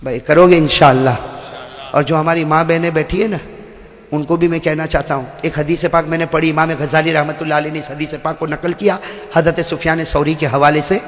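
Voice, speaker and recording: A man's voice: fairly high pitch, steady tone. A male preacher giving a humorous sermon to a seated gathering in a large hall, teasing listeners by name and calling out to the crowd. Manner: jokey, teases listeners by name, calls out to the crowd. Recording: echoey hall with long reverb.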